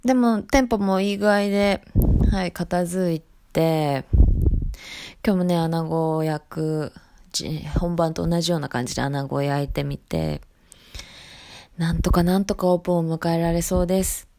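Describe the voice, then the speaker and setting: A woman with a Hiroshima accent chatting casually on her voice blog as a shop salesperson, relaxed and talkative. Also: fairly low pitch, normal speed, noisy background. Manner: chatty and relaxed, dialect thickening as she loosens up.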